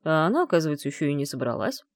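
A woman's voice: deep voice, very animated, rapid-fire, no echo, studio quality. A woman voicing a cocky, teasing young male dragon in an audiobook, with a mocking, playful manner. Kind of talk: audiobook character voice.

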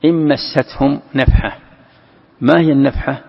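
A man teaching a Quran commentary lesson, explaining step by step, repeating key phrases and slowing down to recite verses. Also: mid-range voice, fairly even intonation, creaky. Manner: explains step by step, repeats key phrases, asks and answers his own questions. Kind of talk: classroom commentary on a classical text. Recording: lo-fi recording in a long-reverb hall.

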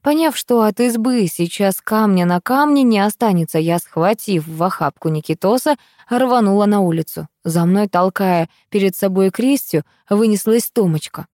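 A woman narrating a comic first-person audiobook in a lively, dramatic manner. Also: mid-range voice, normal speed, no room sound, clean studio sound.

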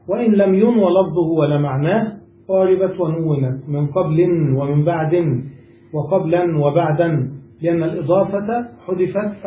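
A man's voice: on the high side, mellow. A man teaching a classical grammar lesson, explaining step by step and quizzing his students. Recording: echoey room, voice far from mic.

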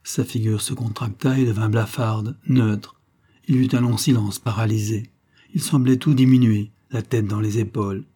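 Low, husky male audiobook narrator. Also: steady tone, normal speed, dark tone. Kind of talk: scripted literary narration.

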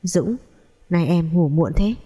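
A woman's voice: fairly low pitch, slow pace, dark tone, breathy edge. Woman playing a stern young male boss. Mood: gentle.

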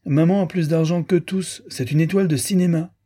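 A small girl speaks in a thin, drilling, high-pitched voice, as a man puts her on. She sounds proud and self-important. An audiobook reading with a husky undertone. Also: fairly even intonation, fairly quick, warm tone. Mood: haughty. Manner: shrill, drilling little voice.

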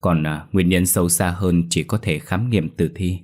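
A man doing a calm, professional doctor. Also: low voice. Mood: grave, measured. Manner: brisk orders, measured condolences. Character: calm male hospital doctor, composed and professional.

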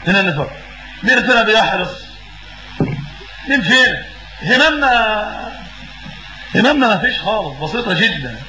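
A man's voice: high voice, sing-song, moderate pace, pauses often, bright, forceful tone, reverberant, a little hiss or hum, poor audio. A man with an Egyptian accent giving a religious lesson as a preacher. He asks questions and fills in the answers himself, and he repeats words for emphasis. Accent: Egyptian Arabic.

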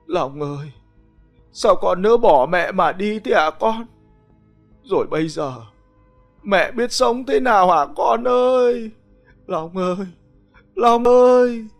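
A man's voice: high voice, slow pace, long pauses, faint music behind, voice pushed up. A man voicing a grieving mother crying out for her lost son, her voice raised and breaking. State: crying, wailing.

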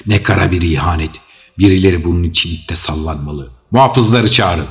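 A man voicing a fretful old male chief advisor who bursts out in shrill, panicky cries. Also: normal speed, close to an everyday voice. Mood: alarmed. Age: older. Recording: dull audio with faint music.

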